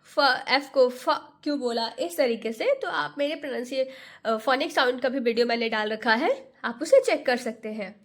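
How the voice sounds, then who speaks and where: A woman teaching English pronunciation in Hindi, sounding out each letter and patiently repeating every word. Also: a little high. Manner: sounds out letters slowly, one by one. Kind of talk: Hindi phonics lesson.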